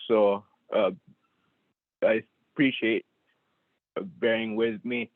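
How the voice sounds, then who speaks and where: A man calling in by phone to testify at a public hearing, speaking haltingly with many pauses and restarts. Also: lowish voice, flat delivery, no echo. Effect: phone line. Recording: tinny phone line.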